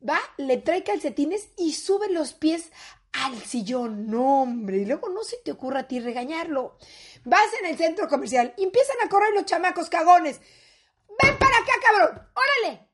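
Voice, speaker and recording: A woman with a Mexican accent performing a crude comic monologue, acting out both mother and grandmother in quick back-and-forth. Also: sits high, animated, a little mellow. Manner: crude, mocking, switches between mother and grandmother voices. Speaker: comedian. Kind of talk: comic monologue with acted dialogue.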